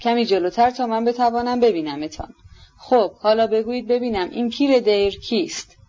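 A woman voicing a haughty, irritable older noblewoman who fires sharp, impatient questions, on a dull lo-fi recording. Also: a little high, lightly acted. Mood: imperious.

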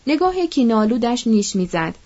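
A woman reading a novel aloud in measured, literary narration. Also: on the high side, sing-song, darkish tone, lo-fi sound. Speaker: audiobook narrator.

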